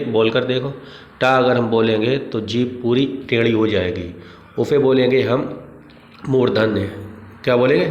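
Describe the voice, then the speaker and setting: A male teacher giving an exam-prep grammar lesson, asking questions and answering them himself. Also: medium pitch. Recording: echoey room, dull lo-fi sound, faint background noise.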